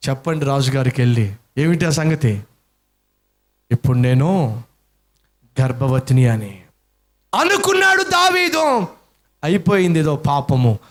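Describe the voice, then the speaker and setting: భావోద్వేగంగా కథ చెప్పే బోధకుడు. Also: male voice, on the high side. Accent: Telugu-speaking Indian. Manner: dramatic storytelling, acting out voices, rhetorical questions to the congregation. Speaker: preacher. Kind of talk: sermon with storytelling.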